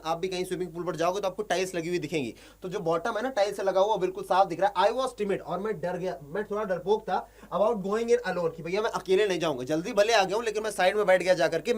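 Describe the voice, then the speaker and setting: A young male teacher with a fairly high voice. He reads the English text in slow, drawn-out phrases, then switches to brisk Hindi explanation, and he keeps things light with jokes for his students. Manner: jokey asides to students.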